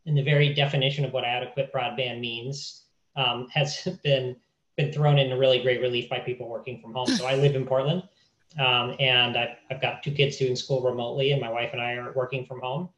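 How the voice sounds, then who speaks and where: A man's voice: medium pitch, little pitch movement, fairly quick, fairly bright tone. A man in his thirties speaking casually and matter-of-factly as a panelist on a video call. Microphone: laptop webcam mic. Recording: roomy, dull video call audio.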